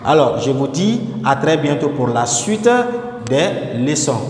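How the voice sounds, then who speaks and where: A man teaching a grammar lesson, slowly repeating words and breaking some off mid-word. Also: medium pitch, lively intonation, a little mellow. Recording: echoey room with long reverb and faint noise.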